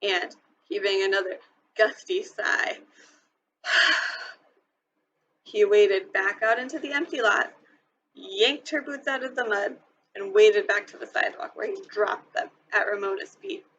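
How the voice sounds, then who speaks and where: A woman teacher reading a children's novel aloud, expressive and clear. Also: medium pitch, a little slow, long pauses, lo-fi sound, slight background noise. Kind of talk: storybook read-aloud.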